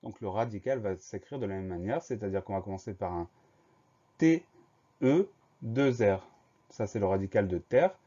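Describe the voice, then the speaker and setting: Guy teaching a spelling lesson, spells out letters one by one, warm mellow voice, kinda dull lo-fi sound. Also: lowish voice, expressive. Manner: slow, spells words letter by letter. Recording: dull lo-fi voice recording.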